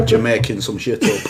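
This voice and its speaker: Teasing, swearing English podcast host. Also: male voice, mid-range voice. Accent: English East Midlands. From England. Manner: teasing, sweary, quick to laugh. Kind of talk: casual banter.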